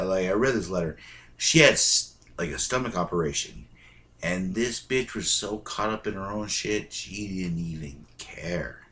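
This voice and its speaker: A man with a somewhat low voice delivers a profane, ranting monologue straight to his audience. He talks bluntly and swears constantly. He punches his points home with emphatic bursts. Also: fairly bright tone. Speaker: vlogger.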